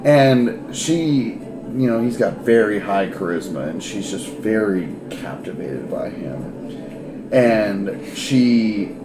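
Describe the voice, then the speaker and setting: A man's voice: lowish voice, animated, takes it slowly, background noise. A man narrating a tabletop game as game master in a casual way, with many fillers. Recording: roomy echo with music behind.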